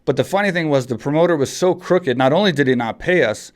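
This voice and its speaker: Rambling Texan podcast host. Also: male voice, on the high side, quick pace. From Texas. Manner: rambling, frequent restarts and fillers. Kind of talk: casual chat.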